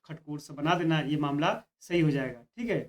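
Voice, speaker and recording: High-voiced man teaching Hindi spelling. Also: lively intonation. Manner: explains each spelling slowly, repeats "keep this in mind". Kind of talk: spoken exam-prep lesson.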